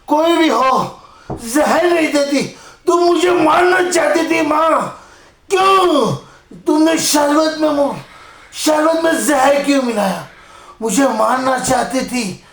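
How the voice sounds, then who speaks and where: A man's voice: extremely high pitch, roomy sound, full character voice. A man playing a heartbroken young son who has been poisoned by his mother, pleading with her in a solo stage monologue.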